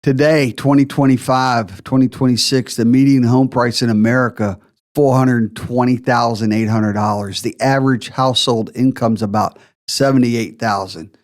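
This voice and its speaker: A man's voice: medium pitch, steady tone, moderate pace. Emphatic man laying out numbers. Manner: emphatic, lays out figures step by step. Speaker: retirement planner host. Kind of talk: explanatory podcast talk.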